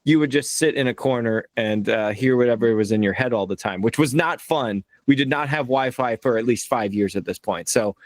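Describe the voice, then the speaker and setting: A man hosting a podcast, hyped and energetic, swearing casually as he talks. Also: mid-range voice, brisk, hardly any pauses, no echo. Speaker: podcast host. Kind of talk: casual interview chat.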